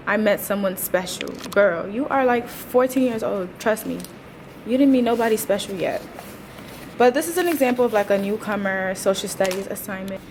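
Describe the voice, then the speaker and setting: In her twenties, this teacher talks casually to her vlog audience in a medium-pitched voice, using slang and dropping wry asides. There's slight background noise.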